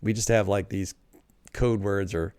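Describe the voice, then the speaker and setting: A man's voice: lowish voice, steady tone, measured pace, smooth, no room sound. A man giving casual commentary as he reads and critiques an article, thinking aloud with fillers and frequent "right?" checks. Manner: drops into a quieter voice at points.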